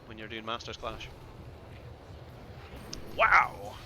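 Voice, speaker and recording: A man giving excitable live play-by-play commentary on an esports match, with bursts of loud exclamations. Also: lowish voice, slow pace, slight background noise. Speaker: esports caster.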